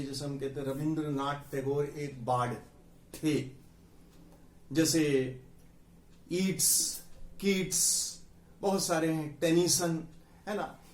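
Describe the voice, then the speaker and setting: Slow, deliberate man teaching in an echoey room. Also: fairly high pitch. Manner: slow, deliberate, spells words out letter by letter. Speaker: English vocabulary teacher. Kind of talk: explanatory exam-prep lesson.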